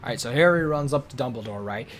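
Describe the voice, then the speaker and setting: A man's voice: mid-range voice, animated, quick pace. A young man reading a story aloud with casual, sarcastic comedic commentary. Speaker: YouTuber.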